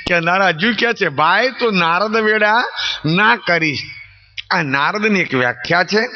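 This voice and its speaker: Male preacher, high voice, story sermon with emphatic swoops, dull recording. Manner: rhetorical questions to the audience, swooping emphatic delivery.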